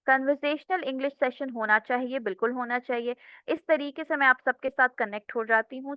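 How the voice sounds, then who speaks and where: Female teacher, higher voice, lecture delivery, dry close sound. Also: clear, resonant tone, dry recording, highs cut off. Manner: explains step by step, often checks in with the class. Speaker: English teacher. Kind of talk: classroom lecture mixing Hindi and English.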